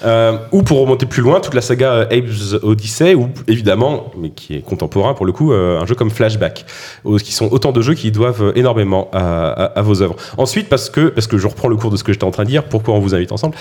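A man hosting a podcast, reading a scripted introduction of his guests in a brisk manner, with self-mocking asides. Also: fairly low pitch, lively intonation, a little mellow. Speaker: podcast host. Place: studio or room around a table.

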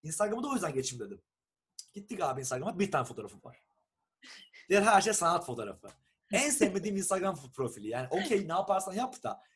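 Husky young Turkish man telling a story. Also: high-pitched, fast talker. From Turkey. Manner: animated storyteller who acts out quoted texts and swears casually. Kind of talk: casual storytelling chat.

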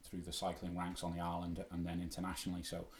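A man with a deep voice and an Isle of Man accent hosts a sports podcast. He talks in an informal, conversational way, like someone presenting to guests in a studio. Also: completely flat delivery, fast talker, echoey room. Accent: Manx (Isle of Man). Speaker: podcast host.

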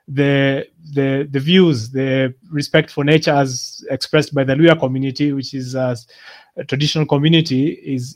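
A man from Kenya speaking reflectively, with many fillers and restarts. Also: medium pitch. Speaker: guest speaker. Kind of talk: reflective talk.

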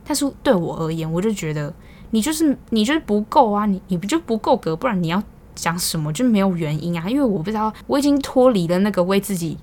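Fast-talking Taiwanese woman venting. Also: mid-range voice, lively intonation, a little mellow. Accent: Taiwanese Mandarin. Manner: exasperated venting, swears casually. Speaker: podcast host. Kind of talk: casual storytelling monologue.

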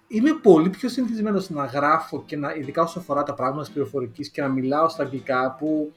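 A man from Greece with a Lamia accent, co-hosting a podcast in a relaxed, chatty way with many fillers and restarts. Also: on the high side. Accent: Greek, from Lamia. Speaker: podcast co-host. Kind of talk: casual chat.

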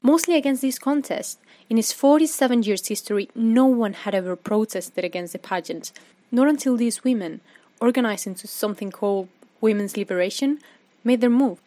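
A woman giving scripted documentary narration, telling the story in a lively way with rhetorical questions to the listener. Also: fairly high pitch, moderate pace, no echo.

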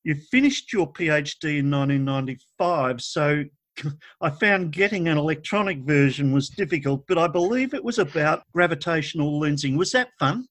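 A man hosting an interview, asking prepared questions in a polite, measured way. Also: on the high side, fairly bright tone. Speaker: podcast host interviewer.

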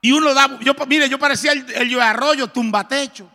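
A middle-aged man preaching a testimony sermon, telling his story in a lively way and acting out the dialogue. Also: very high voice, fairly quick. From Colombia. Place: church. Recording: reverberant church hall.

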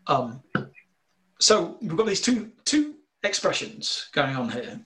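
Man with northern english accent, bible teacher, casual discussion, slightly high voice, earnest, many fillers. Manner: earnest, explanatory, thinking aloud with many fillers.

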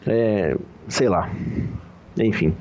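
A man, a professional poker player being interviewed, talking in a relaxed, slangy way and often checking that he is understood. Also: lowish voice, very slow, highs cut off, a little hiss or hum. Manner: relaxed, slangy, says "cara" and "entendeu" often. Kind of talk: casual interview talk.

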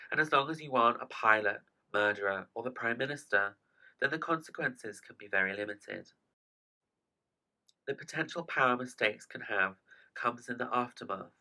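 A man hosting a scripted self-help podcast in a theatrical, soothing manner, with hushed, breathy dips in his delivery. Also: on the low side, low-quality recording. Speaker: podcast host.

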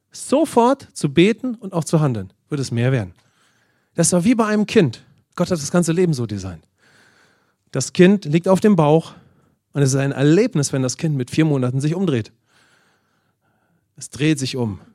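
A middle-aged man preaching a sermon, telling stories in a lively, animated way and often asking "ja?" and saying "Amen". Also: a little high, no echo, clean studio sound. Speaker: pastor. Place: church hall.

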